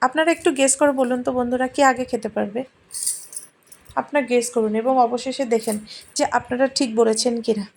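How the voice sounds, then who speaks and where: A woman hosting a casual eating contest vlog, chatting to viewers as friends and urgently repeating short phrases. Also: a little high. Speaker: host of an eating challenge video.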